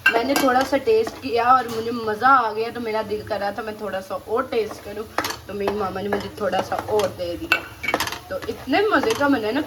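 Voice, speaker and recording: A woman with a sore, hoarse voice hosts a casual home cooking video and chats on, looping back to the same filler phrase. She is recorded in a home kitchen, with dishes, pots and cutlery clattering clearly in the background. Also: fairly high pitch, noisy background. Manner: chatty, repeats "jo hai na" often. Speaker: cooking channel host.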